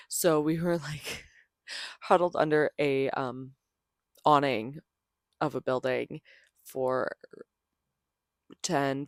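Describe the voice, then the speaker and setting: A vlogger with a hoarse, worn-out voice, rambling casually and peppering the talk with "like". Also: mid-range voice, dry recording, clean studio sound. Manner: rambling, frequent "like". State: hoarse, voice gone. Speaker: vlogger, convention artist. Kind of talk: casual vlog chat.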